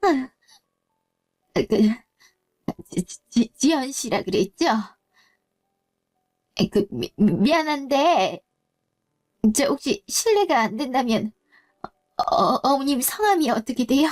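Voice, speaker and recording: Brief: a woman as a sheepish, flustered mother in a story drama, high and lively. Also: measured pace. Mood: shaken. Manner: fussy, exclaiming. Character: flustered middle-aged mother, sheepish and warm.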